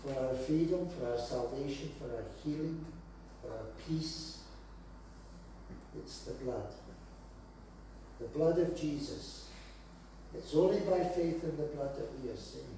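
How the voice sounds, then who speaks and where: Earnest preacher in an echoey hall. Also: male voice, on the high side, unhurried, long pauses, warm tone, a little hiss or hum. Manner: earnest, emphatic repetition. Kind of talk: sermon. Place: gathering of a small congregation, streamed online. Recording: very echoey room, voice from far off.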